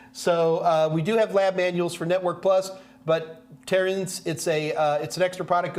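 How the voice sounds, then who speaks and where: A man from the Houston area, hosting a casual live question-and-answer stream in a folksy, joking manner. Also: fairly high pitch. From Houston, Texas area. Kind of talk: casual livestream chat. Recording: clear background noise with hum.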